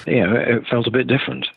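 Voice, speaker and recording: An older man with a mid-range, gravelly voice speaks steadily and a little fast, with faint hiss or hum in the background. He's a theatre director being interviewed on a remote podcast call, rambling hesitantly and restarting sentences. The audio is roomy and thin, like a phone call.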